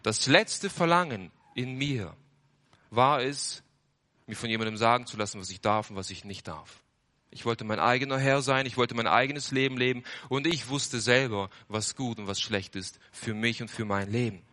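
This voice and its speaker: A young man preaches his testimony in an earnest sermon voice. His tone is bright and forceful, rising into loud surges and then sinking to hushed lows. He repeats phrases for emphasis. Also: moderate pace.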